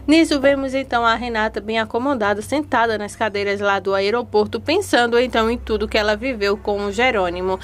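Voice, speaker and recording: A woman's voice: fairly high pitch, brisk, few pauses. Chatty woman recapping a telenovela. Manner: chatty retelling, strings lines with fillers. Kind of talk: casual episode recap.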